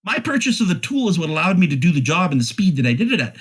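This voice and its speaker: A man in his forties, a plumbing contractor, telling animated stories on a podcast and acting out both sides of each conversation. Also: a little high, fast, slightly rough. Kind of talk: casual podcast chat.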